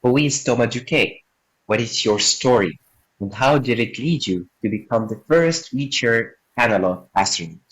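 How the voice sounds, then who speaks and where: A man hosting a podcast, reading a formal introduction and asking measured questions. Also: medium pitch, animated, fairly bright tone, poor audio. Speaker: podcast host.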